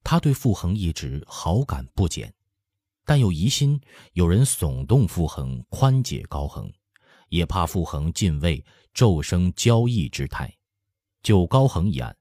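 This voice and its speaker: A man narrating a historical novel as an audiobook, telling the story in an expressive way. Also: deep voice, no room sound, clean studio sound. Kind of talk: scripted narration.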